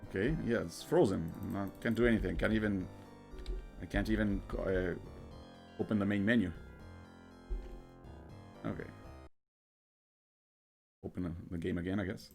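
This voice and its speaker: Low, creaky man narrating a game. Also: a little mellow. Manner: halting, thinking aloud with repeated words. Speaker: gamer narrating a playthrough. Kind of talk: casual game commentary. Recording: game music behind the voice. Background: video game music.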